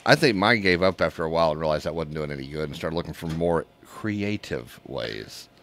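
A man's voice: a bass voice, lively intonation, brisk. A man co-hosting a casual morning radio show, joking and reading out listener answers. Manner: jokey, reads listener answers, laughs a lot.

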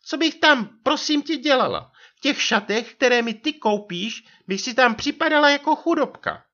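A man reading a story and voicing an indignant, theatrical young wife in a high falsetto. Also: expressive, sharp tone, lo-fi sound, heavily acted. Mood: indignant scolding. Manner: shrill falsetto scolding.

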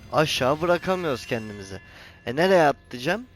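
A man's voice: fairly high pitch, animated, a little fast, soft background music. A man commenting on his own gameplay in a casual let's-play, scolding the character he controls and cursing when jumps fail. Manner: exasperated, scolds the game character and swears at the camera. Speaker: gaming channel host.

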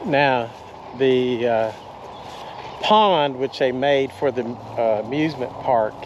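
Slow-talking older man vlogging outdoors. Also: mid-range voice, muffled recording, a little hiss or hum. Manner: slow, relaxed, folksy with fillers. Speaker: travel vlogger. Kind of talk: casual vlog narration. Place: outdoors at an abandoned amusement park. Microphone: camera at arm's length.

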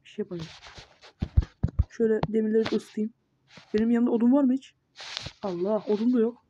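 A woman's voice: a little high, brisk. A woman giving casual gameplay commentary, muttering self-talk and scolding the monsters. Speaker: gamer. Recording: dull lo-fi mic with noise.

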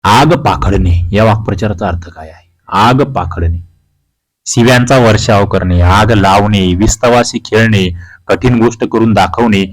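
A man's voice: on the low side, normal speed, rough recording. Male teacher talking through quiz answers. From Maharashtra, India. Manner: reads options aloud, then explains the answer. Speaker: exam-prep teacher. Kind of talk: quiz walkthrough lesson.

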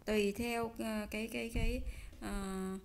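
Woman, slightly high voice, casual online lesson, slow explanations, lots of fillers. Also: level tone, gravelly, slight background noise. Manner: chatty, explains slowly with many fillers. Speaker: Korean language teacher. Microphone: desk mic while writing notes on screen.

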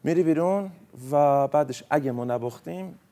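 A man player accusing another in a mafia game, emphatic and rapid-fire. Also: on the high side, mellow.

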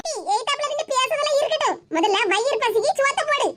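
A woman's voice: very high-pitched, expressive, fast. A woman doing a grumbling hungry village mother. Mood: demanding. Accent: Kanyakumari Tamil. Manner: scolding, nagging, sulky. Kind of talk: comic village skit. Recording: loud background noise.

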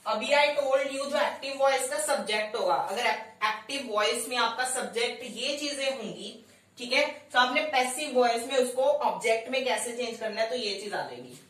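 A woman with an Indian accent teaching a lesson in a deliberate explaining manner, often checking that listeners follow. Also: on the high side, fairly bright tone. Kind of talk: instructional grammar lesson, mixing English and Hindi. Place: indoor room with bare walls. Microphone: distant camera microphone. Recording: very echoey room, distant microphone.

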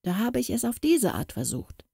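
A woman voicing an old male boatswain, loyal and secretive, speaking in a hurried, lively way in a storybook reading. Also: a little high, gravelly, husky, dry recording, studio quality, voice pushed up, exaggerated voice. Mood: urgent.

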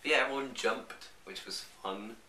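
Chatty teenage lad vlogging in an echoey room. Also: male voice, mid-range voice, normal speed, far from the mic, heavy background noise. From England. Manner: chatty, rambling, self-deprecating. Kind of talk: casual vlog narration. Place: room at home. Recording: echoey room, a little off-mic.

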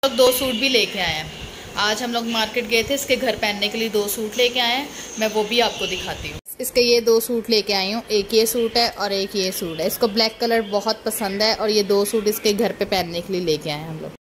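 Here the young woman speaks at a medium pitch, fairly quickly and with a fairly bright tone, over a little hiss or hum. A vlogger who also teaches Sunday school, she addresses viewers chattily in a casual to-camera vlog, using a phone at arm's length in a small room indoors at home.

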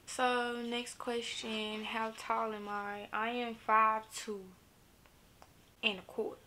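A woman's voice: on the high side, little pitch movement, takes it slowly, sharp tone. A woman in her twenties from Memphis with a Southern accent, chatting casually in a get-to-know-me vlog, laid-back and laughing often. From Memphis, Tennessee, USA. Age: 20s. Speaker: vlogger.

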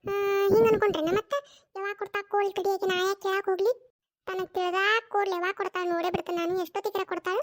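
Squeaky stubborn cartoon mother-in-law, as one voice actor does both parts. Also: level tone. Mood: irritated. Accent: North Karnataka Kannada. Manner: scolding, refuses stubbornly, drawn-out retorts. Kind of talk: cartoon comedy skit.

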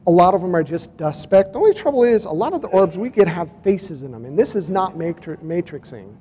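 A UFO conference speaker with a fairly high, mellow, dark-toned voice presents photos and clips, telling his story in a loose, chatty, very animated way at a brisk pace. He reads out dates and turns to the crowd now and then, his voice ringing with a long hall reverb over a little hiss or hum.

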